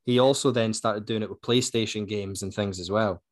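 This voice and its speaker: A man's voice: on the low side, normal speed. Male Scottish co-host, informal conversational storyteller who dramatises reported speech. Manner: animated retelling, acts out quoted speech. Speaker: book club podcast co-host. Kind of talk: casual chat, anecdotal storytelling.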